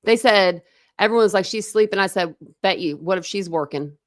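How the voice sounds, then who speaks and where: This true crime livestream host, a woman speaking in a mid-range voice, answers viewers in a loose, rambling way full of quick laughing asides. She has a blended Midwest and Southern American accent, and the audio is clean studio quality without echo.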